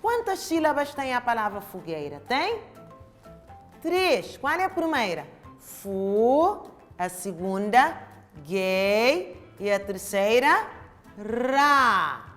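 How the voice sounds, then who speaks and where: Woman teacher with a European Portuguese accent, lively sing-song pitch, spells out syllables slowly for young kids. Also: soft background music. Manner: slow, drawn-out syllables with exaggerated emphasis for young children. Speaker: primary school teacher. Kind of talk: televised home-learning lesson.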